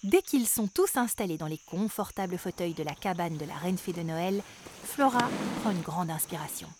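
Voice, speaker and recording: Expressive woman narrating a children's story. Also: fairly low pitch, moderate pace, noisy background. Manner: lively, expressive.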